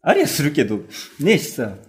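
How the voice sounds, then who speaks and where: Weary broke carpenter, as a male rakugo teller puts him on, offhand street talk, lively pitch. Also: brisk. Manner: casual, coaxing street talk. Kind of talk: rakugo storytelling.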